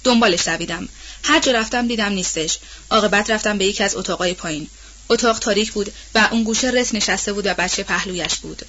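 A fretful old nanny woman, read by a woman in a storybook recording, rambling on in a loose, colloquial way. Her voice sits at a middling pitch. The sound is dull and lo-fi. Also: bright, forceful tone, slight background noise, natural voice. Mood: worried. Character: old household nanny woman, anxious and gossipy. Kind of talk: audiobook role-play reading.

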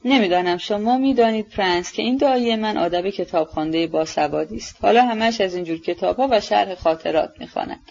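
A woman's voice: medium pitch, gravelly, hardly any pauses, darkish tone. A woman reading as a sneering young nephew. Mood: mocking. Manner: scornful, jeering. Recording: slightly dull lo-fi recording.

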